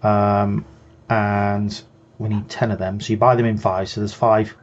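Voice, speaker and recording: A man's voice: lowish voice, flat delivery, unhurried, lo-fi sound, a little hiss or hum. A man co-hosting a hobby show, patiently explaining game rules in casual chat and often restarting his sentences. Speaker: co-host.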